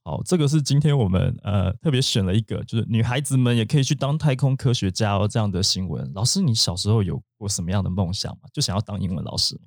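A man's voice: on the low side, fast, few pauses, dry recording, clean studio sound. A man hosting a casual podcast, steadily prompting his co-host and guiding the segment. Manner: steady backchanneling, guides the segment.

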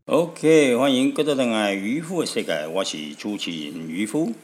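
A man from Taiwan hosting a radio show, telling stories in a rambling, relaxed way with frequent chuckles and tag particles. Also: fairly low pitch, normal speed, long reverb tail, soft background music. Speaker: radio host. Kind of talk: chatty radio storytelling. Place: radio studio.

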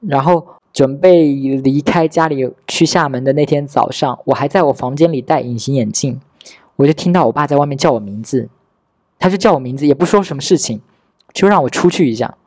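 Mellow-voiced man telling a wry personal story. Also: mid-range voice, brisk, no echo, studio quality. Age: 30s. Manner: candid and wry, replays conversations with relatives. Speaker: podcast host. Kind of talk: casual storytelling monologue.

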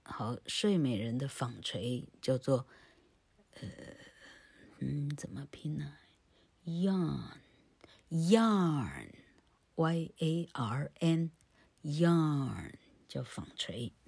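Woman, deep and husky, playful teacher, laughs at her own jokes, stretches out example sounds. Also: a little mellow. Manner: jokey and playful, ends phrases with a chatty "ha" tag, laughs at her own stories; drawn-out sound demonstrations. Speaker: English pronunciation teacher. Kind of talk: recorded classroom lecture.

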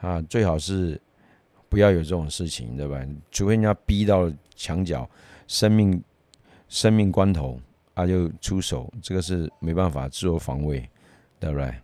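A middle-aged man from Myanmar, a martial arts teacher, telling stories in a casual, lively way and chuckling often. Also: low-pitched, moderate pace, no echo. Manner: lively anecdotal, chuckles often, many fillers. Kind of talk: casual storytelling.

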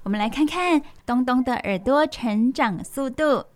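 High-voiced woman reading to little children. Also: expressive, a little slow. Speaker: children's radio storytelling host. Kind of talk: reading a picture book aloud to young children.

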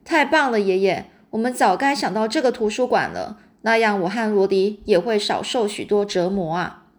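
A woman's voice: mid-range voice, moderate pace, close to an everyday voice. A woman reading aloud and voicing an eager, impatient young boy in a storybook.

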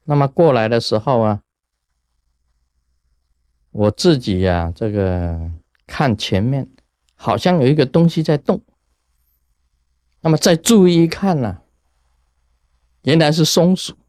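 Guy telling a buddhist story, lively, chuckles a lot, close dry mic. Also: medium pitch, unhurried, long pauses, dry recording. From Taiwan. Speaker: Buddhist teacher. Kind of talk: casual dharma talk.

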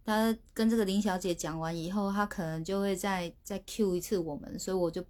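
A woman's voice: medium pitch, fairly even intonation, fairly quick, a little mellow. A woman hosting a casual livestream from her phone, chatty and sheepish, often restarting her words. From Taiwan. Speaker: livestream host.

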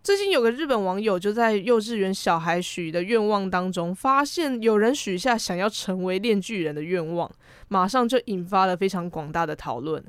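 A woman's voice: mid-range voice, expressive, moderate pace, smooth, dry recording, studio quality. A young adult woman with a Taiwanese Mandarin accent, co-hosting a podcast in casual chat. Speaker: podcast co-host. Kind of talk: casual chat about anime and pop culture.

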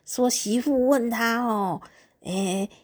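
A woman voicing an earnest, chatty elderly grandmother who drags out her words slowly. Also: on the high side, a little mellow, pitched above the performer's own voice. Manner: drawn-out, slow, with frequent drawled particles.

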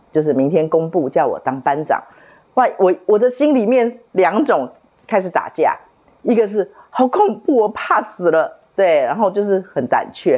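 A woman in her late fifties shares a childhood memory, earnest and reflective, circling back over her words as she recalls. Her voice sits low. The recording is a little dull and lo-fi. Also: slightly rough. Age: 50s. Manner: earnest, reflective, repeats herself while recalling. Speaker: book club member sharing a testimony. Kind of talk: personal storytelling.

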